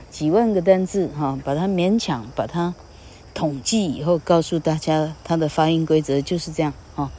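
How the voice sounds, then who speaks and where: An older woman with a deep, mellow voice and a Taiwanese Mandarin accent gives a casual spoken lesson on English grammar. She chats and rambles, often ending phrases with "ha" and spelling words letter by letter. Faint insect chirping and background noise can be heard beneath her.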